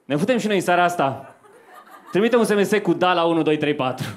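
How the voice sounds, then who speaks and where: On a club stage, a young adult comedian tells stories in a conversational manner to a live crowd, holding a handheld mic. He has a high voice with lively intonation. The live recording picks up faint noise.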